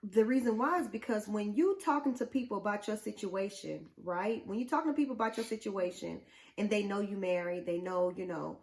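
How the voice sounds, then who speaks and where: A woman's voice: mid-range voice, a little fast, darkish tone. A woman co-hosting a casual relationship talk show, speaking bluntly and animatedly with many rhetorical questions. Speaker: podcast co-host. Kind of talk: casual chat.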